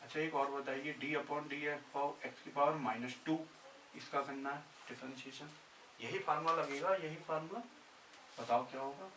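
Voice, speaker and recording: A man's voice: on the high side, steady tone, normal speed, bright, forceful tone. A male physics teacher explaining formulas step by step, often repeating himself. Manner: repetitive, drills formulas step by step. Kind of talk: blackboard lesson explanation. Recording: echoey room, distant mic, faint hiss.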